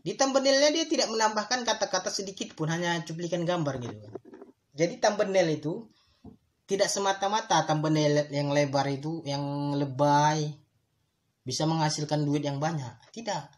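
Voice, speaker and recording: At a moderate pace, a man with a voice on the high side delivers a solo podcast. His approach is thoughtful and instructive, aimed squarely at his listeners and tinged with moralizing. Certain words get stretched out to stress them.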